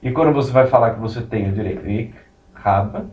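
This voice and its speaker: A man's voice: mid-range voice, rapid-fire, a little mellow. A man lectures on law in a roomy space, his voice distant from the microphone. He explains at length, drifting off on tangents as he writes on the board. The recording is muffled and lo-fi. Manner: explanatory, digressive, writes on board while talking.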